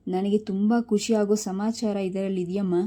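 A sharp-tongued young daughter in a storybook, mocking and gloating, voiced by a woman. The voice is dark and warm with a narrow, level pitch. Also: flat delivery, normal speed, close to an everyday voice. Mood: teasing. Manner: sarcastic, gloating.

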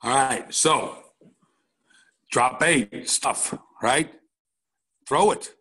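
A man's voice: mid-range voice, very slow, pushed and bright, husky. A middle-aged man, a football coach, walking through game film at a coaching clinic in a blunt, casual way, checking in often with "all right?".

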